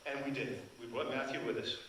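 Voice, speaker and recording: With a medium-pitched, fairly bright voice that barely moves in pitch, an older man talks at a quick pace. He's a translator and author, a native Sicilian speaker, telling meandering anecdotes full of restarts in a storytelling talk at a book event. The echoey hall is recorded from afar, with a little hiss or hum.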